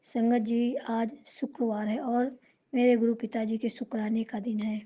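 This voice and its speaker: A woman gives a devotional testimony in a slow, reverent, even-toned voice that stays fairly high. Her tone is very dark and mellow. The recording sounds dull and lo-fi. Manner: slow and reverent, with chanted mantras.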